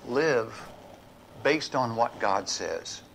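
A middle-aged man preaching a church sermon, building to emphatic points and dropping to a hushed altar call. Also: mid-range voice, expressive, very slow, vocal fry, slight background noise, poor audio. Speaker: pastor. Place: church sanctuary.

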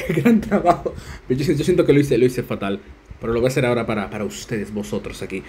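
A man casually hosting a language lesson, chatty and self-deprecating, slowly sounding out foreign words. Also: mid-range voice, heavy background noise. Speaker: language learner and video host.

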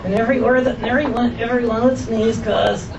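A woman ventriloquist voicing a cheeky, silly dog puppet in a squeaky dummy voice, in a stand-up routine. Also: steady tone, brisk, a crowd in the background, natural voice. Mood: cheeky, excited. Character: cheeky, silly dog puppet, a bull terrier and shih tzu cross. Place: comedy club stage. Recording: muffled, distant club recording with loud audience.

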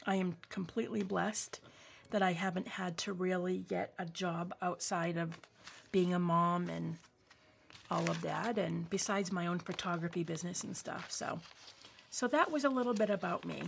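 A craft vlogger from New England, in her forties, keeps up a rambling, warm craft-along chat at home with lots of ums, filmed from overhead with only her hands in view. Her creaky voice is lowish, with fairly even intonation and a moderate pace. There is a little hiss or hum in the recording.

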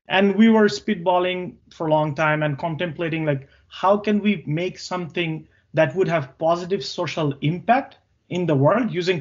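Lo-fi sound captures a man's voice on the high side as he fields interview questions about his career. He's a tech co-founder around forty, from Bangladesh, a native Bangla speaker with a Bangladeshi accent, appearing as a podcast guest.

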